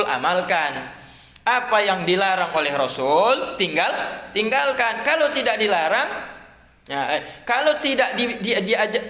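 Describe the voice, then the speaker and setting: A man's voice: high-pitched, pushed and bright. A middle-aged man teaching a religious studies class, chatty and joking with his students, often repeating words as he explains. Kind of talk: classroom lecture. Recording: echoey classroom.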